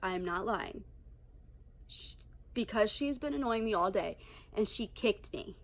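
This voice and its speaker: A young adult woman telling a story-time vlog, blunt and animated with heavy swearing. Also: mid-range voice, a little slow. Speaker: vlogger.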